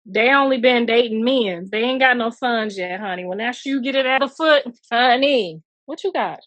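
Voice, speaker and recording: Speaking at a moderate pace in a fairly high, slightly bright voice, this woman is a middle-aged mother ranting casually on a phone livestream outdoors. She's blunt and chatty, addressing viewers as girl and honey.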